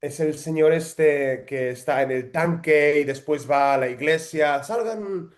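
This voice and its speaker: A man's voice: fairly high pitch, steady tone, unhurried. A man, an actor telling stories in a casual interview, with lots of hesitations. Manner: chatty storyteller, frequent hesitations. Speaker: actor guest.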